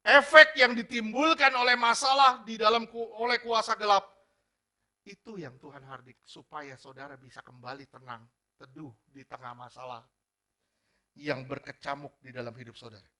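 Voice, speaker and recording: Preaching with plenty of energy, a male pastor peppers his congregation with rhetorical questions and blends formal sermon language with casual slang. He speaks at a normal speed in a high-pitched voice.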